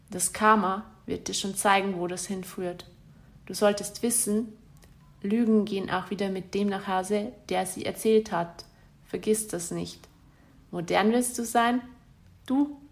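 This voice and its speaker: A spurned woman with a medium-pitched, gravelly voice reads aloud a letter she wrote to her former partner, bitter, accusatory and insulting throughout.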